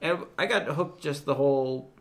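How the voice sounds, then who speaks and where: A man's voice: a little high, moderate pace, creaky. A man chatting as a podcast guest, loose and talkative with lots of fillers. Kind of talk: casual chat.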